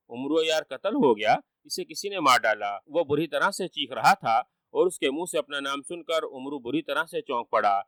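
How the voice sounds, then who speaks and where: A man narrating a children's story in a steady, measured manner, recorded on a distant dry mic. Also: mid-range voice, dry recording.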